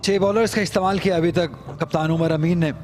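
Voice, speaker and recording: A man's voice: sits high, steady tone, fast talker, darkish tone, soft background music. A Pakistani man giving live cricket commentary, analysing play and praising shots appreciatively.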